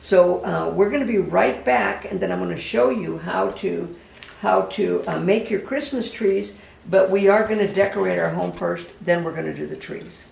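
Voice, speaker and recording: Gravelly creaky voice, gentle unhurried craft instructor, casual demonstration, echoey room, mic far off. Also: mid-range voice. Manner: gentle, unhurried, talks to the project. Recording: echoey room, voice from a distance, faint background hum.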